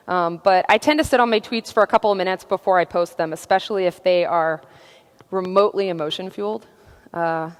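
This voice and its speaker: A woman giving a prepared talk at a conference, speaking in a measured way with frequent "uh" fillers. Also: fairly low pitch. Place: conference hall. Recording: long hall reverb.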